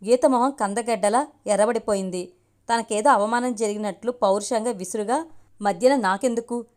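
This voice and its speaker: A woman storyteller reading a family story aloud in a steady, expressive way. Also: fairly high pitch, moderate pace. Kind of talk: scripted story narration.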